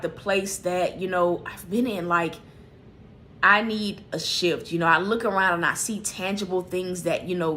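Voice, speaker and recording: A woman speaking candidly to her livestream audience about a hard season of faith. Her voice is bright and clear at a middle pitch, and she talks in a heartfelt, confessional way with many "you know"s and "like"s. She sounds emotional, on the verge of tears. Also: a little hiss or hum. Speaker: ministry livestream host. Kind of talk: candid spiritual sharing on a livestream. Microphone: streaming setup.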